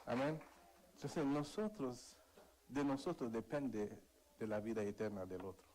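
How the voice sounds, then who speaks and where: A man's voice: medium pitch, measured pace, dark tone, a little hiss or hum, rough recording. Male preacher, earnest, sermon with a personal story. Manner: earnest, calls for amens, tells a story.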